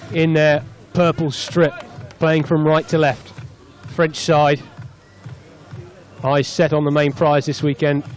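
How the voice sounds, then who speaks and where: A man commentating live on a rugby tens match from the stand of an open stadium, chatty between plays and lifting when play breaks open. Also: fairly high pitch. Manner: chatty, rising excitedly on breaks.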